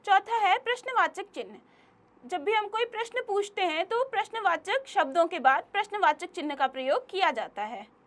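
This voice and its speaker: A young woman with a very high voice teaches a grammar lesson to children. She speaks to them directly and slows down to read each example sentence aloud. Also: lively intonation, fairly bright tone.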